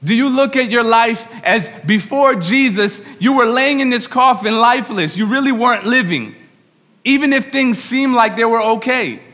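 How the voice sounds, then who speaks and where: A man preaching earnestly and excitedly to a congregation, often repeating and rephrasing himself. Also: very high-pitched, moderate pace. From New York. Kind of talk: sermon to a congregation. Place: large room, speaking to an audience. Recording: reverberant hall sound.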